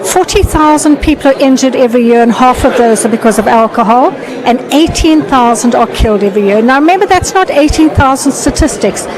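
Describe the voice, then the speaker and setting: A woman's voice: sits high, lively intonation, brisk, few pauses, rough recording. A woman, a road safety campaigner, giving an earnest and emphatic interview statement. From South Africa. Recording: crowd chatter behind.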